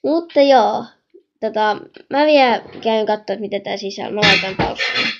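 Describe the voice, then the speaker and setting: A young woman chatting excitedly while playing a horror game, talking to viewers and scolding her mother in the background. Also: medium pitch, vocal fry, lo-fi sound, heavy background noise. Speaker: gaming channel host. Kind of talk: game commentary.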